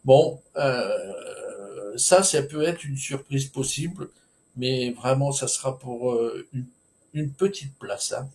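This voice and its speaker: A man walks through the runners of a horse race at a slow, unhurried pace. His delivery is hesitant and informal, full of filler sounds, restarts and casual asides. His voice sits at an ordinary middle pitch. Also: darkish tone. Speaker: horse racing tipster. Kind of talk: solo racing preview commentary.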